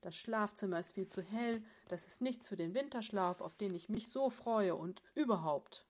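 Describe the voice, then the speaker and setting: A woman reading aloud, voicing a grumpy, indignant male bear father in a children's story, complaining loudly. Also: medium pitch, normal speed, lightly acted.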